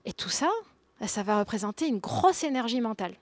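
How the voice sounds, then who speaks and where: Lively woman giving a conference talk. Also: a little high, a little fast, no echo. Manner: conversational, quips and laughs with the audience. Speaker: conference speaker.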